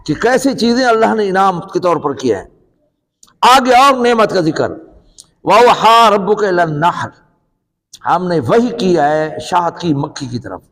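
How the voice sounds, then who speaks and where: A man preaching a sermon, often asking his listeners questions and rising into emphatic outbursts. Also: high voice. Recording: long hall reverb.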